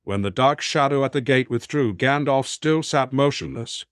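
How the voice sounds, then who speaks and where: A man narrating an audiobook in a steady, even storytelling manner. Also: mid-range voice, moderate pace, clean tone, dry recording, studio quality. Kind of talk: scripted narration.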